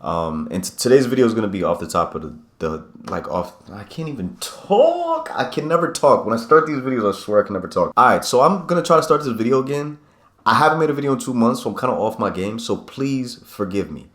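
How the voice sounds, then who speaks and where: A man's voice: mid-range voice, very animated, fairly quick, fairly bright tone. A man in his late twenties talking casually to camera in a vlog, reflective and rambling, often restarting his sentences. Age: 20s. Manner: rambling, self-correcting, reflective. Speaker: vlogger. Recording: echoey room.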